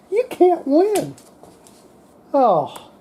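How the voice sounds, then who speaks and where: This woman speaks slowly in a mellow voice whose pitch swoops up and down, with a little hiss or hum on the recording. As host of a radio repair video, she works at her bench and mutters to herself casually, exasperated and mildly swearing.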